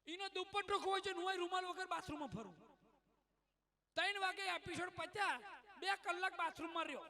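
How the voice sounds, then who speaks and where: A man with a Gujarati accent telling comic stories in an animated way, acting out the voices of the people in them. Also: very high voice, fast. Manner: animated, acts out quoted voices. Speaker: comedian. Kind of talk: stand-up storytelling.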